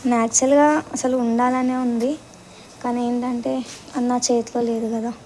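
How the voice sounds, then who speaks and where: A woman with a Telangana Telugu accent, calmly and firmly explaining a decision in a casual vlog. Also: fairly high pitch, a little fast, slight background noise, poor audio. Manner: calm, firm, explaining. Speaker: vlog team member.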